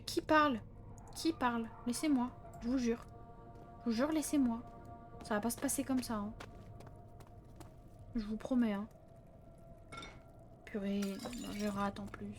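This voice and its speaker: A woman's voice: on the high side, steady tone, unhurried, long pauses, soft background music. A woman doing casual let's play commentary at a close desk microphone, chatting to viewers and letting out flustered yelps under stress. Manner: chatty, addresses viewers, frequent "hein".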